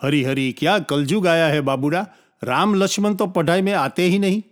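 A man doing a gruff old temple ascetic. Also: a little high, fairly quick, lightly acted. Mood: lamenting. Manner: mixes in rough Hindi phrases.

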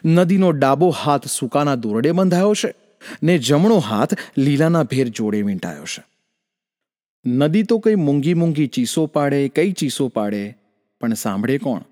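Man, folk-tale storyteller, rhythmic and animated, long room reverb. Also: medium pitch, unhurried. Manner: rhythmic, sing-song repetition.

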